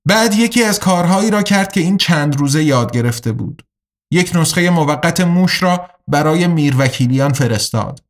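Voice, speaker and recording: Higher-voiced man reading a novel. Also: animated. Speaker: audiobook narrator. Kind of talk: audiobook narration.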